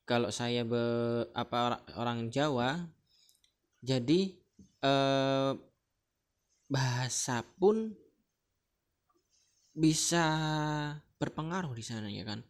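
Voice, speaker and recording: Guy from central kalimantan explaining a lesson, chatty, keeps asking you to follow along, ordinary pitch. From Central Kalimantan, Indonesia. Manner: chatty, checks in with the listener often. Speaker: teacher. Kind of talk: casual explanatory lecture.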